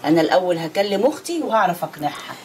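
An actress playing a practical middle-aged aunt who speaks firmly, with an Egyptian accent. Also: female voice, on the low side, big pitch swings, fast, slight background noise. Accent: Egyptian Arabic. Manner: practical, firm. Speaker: aunt advising a young couple. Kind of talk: TV drama acting.

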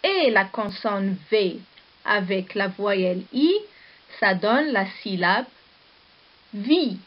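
A woman teacher giving a slow, deliberate lesson, spelling out letters and syllables one at a time. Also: mid-range voice. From Morocco. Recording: dull lo-fi video recording.

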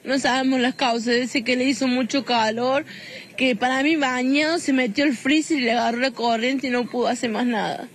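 A woman's voice: high voice, steady tone, normal speed. A distressed, tearful woman in her thirties with an Argentine accent, interviewed on the street outside a house. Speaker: bereaved mother being interviewed. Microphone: handheld news microphone. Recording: noisy outdoor street recording.

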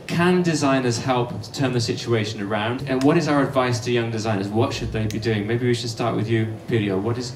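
A man's voice: mid-range voice, slight background noise. Man moderating a panel in a hall. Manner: brisk, restarting questions. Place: large hall on stage. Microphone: handheld. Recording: roomy hall, mic at a distance.

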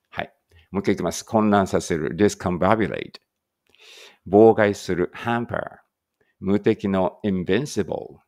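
A man's voice: deep voice, vocal fry, slightly rough. A man teaching English vocabulary, reading words aloud and thinking aloud as he checks each one. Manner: thinks aloud while working through a word list. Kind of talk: vocabulary read-aloud lesson.

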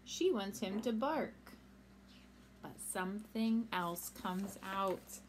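A woman reading a picture book aloud to children, animated and asking them questions. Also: medium pitch, slow pace, slight background noise. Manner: animated, asks young listeners questions. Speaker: storytime reader.

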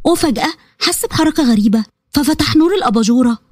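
A woman with an Egyptian accent narrating a dramatic family story in a brisk way. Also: high-pitched, lively intonation, no echo, studio quality.

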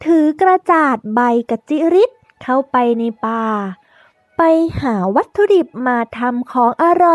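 Reading a scripted storybook aimed at young learners, this woman speaks slowly and deliberately in the style of a teaching tale. Her voice sits high, with no room sound.

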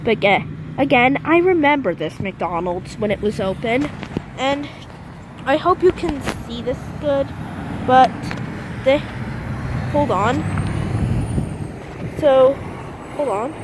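An amateur vlogger with a high voice films herself walking around an empty parking lot outdoors, holding the camera as she narrates casually. She speaks slowly and expressively but haltingly, often trailing off mid-sentence, and the handheld audio picks up clear background noise.

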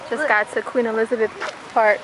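A young woman talks to her camera as she walks, casual and chatty, filling her sentences with "like" and "um". Her voice sits a little high. The camera audio carries clear outdoor noise. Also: fairly even intonation, a little fast. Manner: chatty, lots of "like" and "um". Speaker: travel vlogger. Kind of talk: casual travel vlog. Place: outdoors in gardens and in a car.

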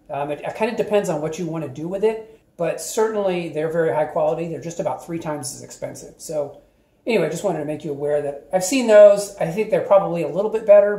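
A man's voice: a little high, warm tone, echoey room. A man casually reviewing a tool bag for his channel, chatty and rambling with lots of fillers, recorded at a table indoors. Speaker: YouTube DIY reviewer.

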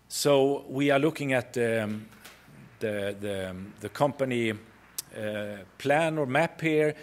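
A middle-aged man with a Swedish accent gives a company pitch at a conference podium, speaking haltingly with frequent pauses. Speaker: company chief executive presenting. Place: conference hall stage at a podium.

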